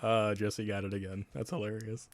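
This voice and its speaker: A man's voice: fairly low pitch, little pitch movement, normal speed, no echo. A man from Wisconsin with a Wisconsin accent, rambling in casual live-stream chat with viewers, laughing often and swearing casually.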